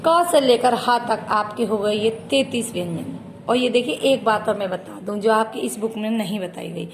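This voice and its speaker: A woman with a mid-range voice teaches a children's Hindi grammar lesson at a normal pace, with slight background noise. She patiently repeats terms and fondly calls her pupils "beta."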